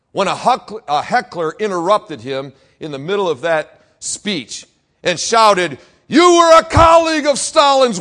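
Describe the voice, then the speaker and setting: A senior pastor preaches a sermon full of dramatic storytelling, sinking to a hush and then rising to loud exclamations. His voice is fairly high-pitched.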